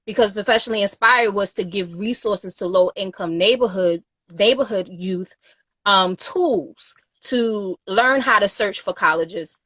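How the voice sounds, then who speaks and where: A woman from Queens, New York, who founded a youth nonprofit, speaks earnestly as a guest on a casual livestream interview, saying "you know" a lot. Her voice is mid-range and a bit bright, recorded dry.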